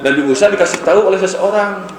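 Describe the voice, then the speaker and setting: A man's voice: high-pitched, fast talker. A man preaching an informal sermon in a mosque. He tells a story with jokes, acts out its dialogue, and keeps addressing his listeners directly. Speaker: Islamic preacher. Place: mosque, after dawn prayer. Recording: roomy mosque echo with faint noise.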